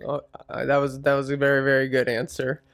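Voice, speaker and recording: A man hosting a podcast interview, encouraging his guest and asking quick follow-up questions. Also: mid-range voice, monotone, fairly bright tone. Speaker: podcast host.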